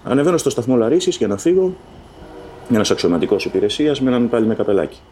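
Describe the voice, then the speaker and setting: A man candidly recounting his own life story in a loose, conversational way, often pausing with fillers. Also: mid-range voice, animated, dark tone, a little hiss or hum.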